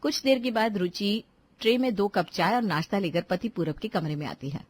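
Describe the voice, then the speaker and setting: A woman narrating a cartoon moral story in a calm, steady storytelling voice. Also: medium pitch, normal speed.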